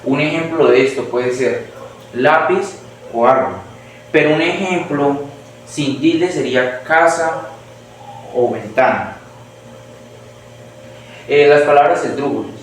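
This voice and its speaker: Hesitant slow teen boy, echoey room. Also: a little high. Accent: Colombian Spanish. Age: teenager. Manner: hesitant, many restarts and fillers. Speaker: student presenter. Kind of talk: school class presentation. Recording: echoey room from far off, faint hiss.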